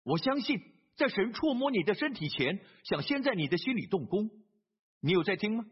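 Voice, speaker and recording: A man's voice: high-pitched, sing-song, moderate pace, slightly rough. A man preaching a sermon, telling a story earnestly, with hesitant fillers and repeated phrases. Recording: dull lo-fi sermon recording.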